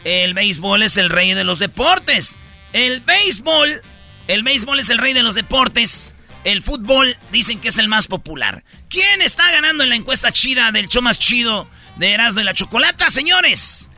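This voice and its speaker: Male radio host, brash announcer, high and lively, with music underneath. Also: normal speed. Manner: loud, playful, announcer-like. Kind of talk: comic radio banter.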